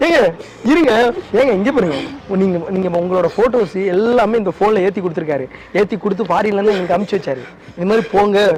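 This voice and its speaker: A man hosting a prank video, coaxing and apologizing over and over with nervous laughs. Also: high-pitched. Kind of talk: casual pleading apology. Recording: loud background music.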